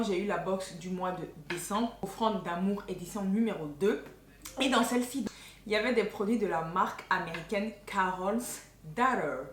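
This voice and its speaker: A woman beauty vlogger talking casually about her hair-care routine and explaining products to the camera. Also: medium pitch. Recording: echoey room.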